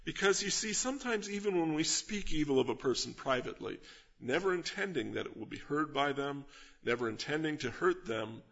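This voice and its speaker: A man delivers an expository sermon in a husky, somewhat breathy voice. He teaches earnestly, stressing key words and asking rhetorical questions of his listeners. The recording sounds slightly dull and lo-fi. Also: on the high side, a bit bright. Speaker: pastor.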